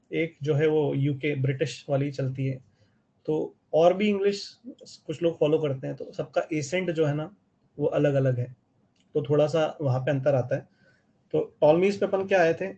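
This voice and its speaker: In a live online class, a math teacher with an Indian accent walks students through geometry step by step and asks how they're following. His voice is on the high side, gravelly and warm, and the sound is lo-fi.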